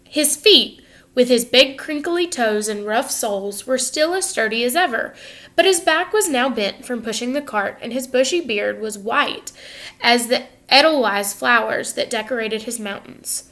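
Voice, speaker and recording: With a slightly high voice, a female teacher gives an expressive, instructive reading of a picture book to students, stopping occasionally to put questions to them.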